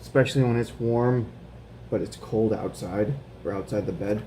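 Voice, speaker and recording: As a guest reader, a man with a lowish voice reads a children's picture book slowly and gently, breaking off to ask his young audience questions. There's slight background noise.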